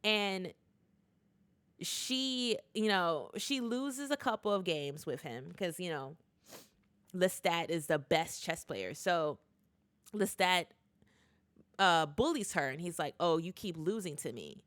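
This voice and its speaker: A woman's voice: fairly low pitch, takes it slowly, long pauses, smooth, no echo. A woman recapping a TV show in a casual vlog, retelling scenes with lots of fillers and restarts. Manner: animated retelling with acted quotes, many fillers and restarts. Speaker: TV recap YouTuber.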